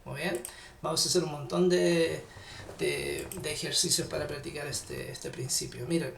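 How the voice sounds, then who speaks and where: A man with a Chilean accent, teaching an English lesson, speaking patiently and deliberately to his learners. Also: a little high, expressive, creaky, fairly bright tone, reverberant, slight background noise. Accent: Chilean Spanish. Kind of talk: classroom lesson explanation.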